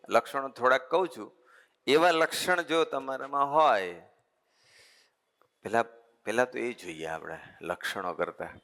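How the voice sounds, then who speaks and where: With a mid-range, slightly bright voice, a monk preaches informally in an assembly hall, folksy in tone and repeating his points as lists. The hall gives the recording a long reverb.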